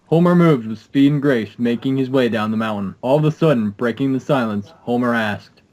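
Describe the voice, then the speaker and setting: A man's voice: medium pitch, a little fast, a little mellow, low-quality recording. Man reading a story aloud. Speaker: narrator. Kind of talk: scripted narration.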